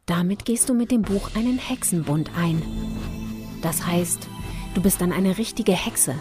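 An actress playing a secretive young woman who teaches witchcraft, speaking calmly and instructively over a film score. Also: lowish voice, a little slow, over music, close to an everyday voice. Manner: calm, instructive, ominous.

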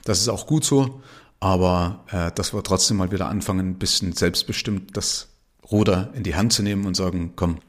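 A low-pitched man in his 50s speaks at a normal speed as he hosts his solo podcast. The casual monologue comes across as emphatic and conversational, studded with frequent tag questions.

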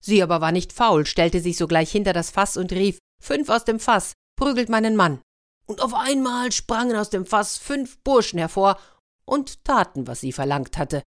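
A woman telling a fairy tale in a lively way, turning to her listeners with questions. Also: mid-range voice, normal speed. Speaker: storyteller.

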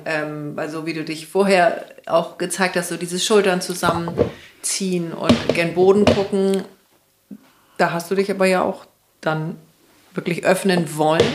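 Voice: mid-range voice, steady tone, a little slow, long pauses, background noise. An interviewer asking careful, searching questions and listening with encouragement. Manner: attentive, encouraging, probing gently.

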